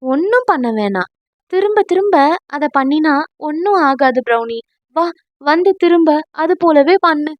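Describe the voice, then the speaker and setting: A woman's voice: high voice, expressive, unhurried, no echo, lo-fi sound. Woman voicing a teasing, mock-wailing young husband. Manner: theatrical fake wailing.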